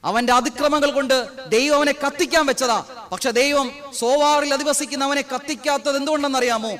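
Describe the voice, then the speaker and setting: A man's voice: very high voice, a little fast, a bit bright. A male priest preaching a sermon, asking rhetorical questions and answering them himself with repeated refrains. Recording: reverberant hall.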